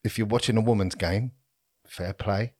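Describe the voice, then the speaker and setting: A fairly low-voiced man with a southern English accent. He co-hosts a casual podcast, chatting and bantering in a matey, blokey way. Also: steady tone, normal speed, a little mellow. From Britain. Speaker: podcast co-host.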